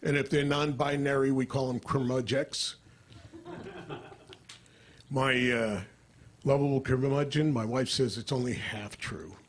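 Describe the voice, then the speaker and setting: An older man performing stand-up comedy into a stage microphone, deadpan and dry, jumping into character voices. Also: medium pitch, unhurried, pauses often, a little hiss or hum.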